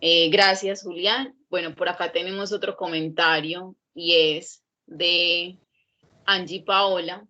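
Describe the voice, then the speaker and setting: Low-voiced woman moderator, muffled audio. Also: fairly even intonation, takes it slowly, sharp tone. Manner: friendly, reads audience questions aloud. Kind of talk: moderating a live online dialogue.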